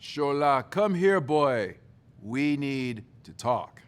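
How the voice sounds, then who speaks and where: A man voicing his stern African father, talking slowly and commandingly. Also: medium pitch, sing-song, smooth, pitched above the performer's own voice. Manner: commanding, drawn-out proverb-giving.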